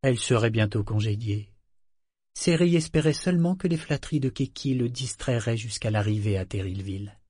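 Male narrator for a fantasy audiobook, measured delivery, mid pitch, dry close sound. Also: a little mellow, husky, no echo. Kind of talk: scripted narration.

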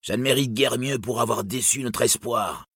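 A scornful outlaw, contemptuous and raised in pitch, as a man puts him on. The voice is husky and dry, in a storybook reading. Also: moderate pace, a bit bright, no room sound. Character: scornful male outlaw searching a sack.

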